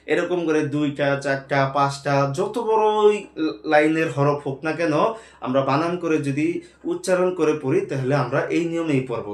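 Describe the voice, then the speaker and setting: Man, Quran reading teacher, slightly high voice, spelled-out syllable drills, echoey room. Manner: spells letters then repeats blended syllables, louder on each repetition. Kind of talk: slow spelled-out recitation lesson.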